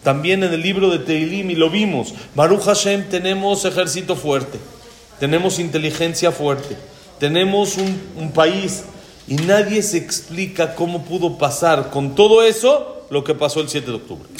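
A man, giving a religious lecture as a rabbi, who explains verses slowly, translates them and adds touches of humor. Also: a little high. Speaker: rabbi teaching a class.

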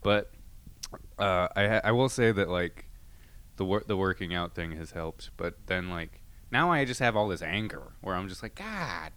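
A man's voice: deep voice, moderate pace, fairly bright tone, smooth. A man chatting casually as a podcast co-host, swearing often and acting out his own angry outbursts. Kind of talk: casual chat.

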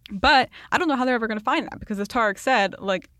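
Woman podcast co-host, chatty, laughing, quick asides, close dry sound. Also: on the high side, fairly bright tone, no room sound. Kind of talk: casual podcast chat.

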